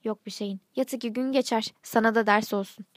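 A man's voice: high voice, fairly even intonation, fairly quick, fairly bright tone, no room sound, clean studio sound. A woman voicing a curt, suspicious grown son with a brusque, scolding manner in a story reading. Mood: dismissive.

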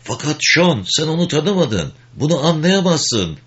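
A man's voice: lowish voice, animated, moderate pace, a bit bright. A man doing a despairing one-legged young soldier. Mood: desperate. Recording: dull lo-fi recording.

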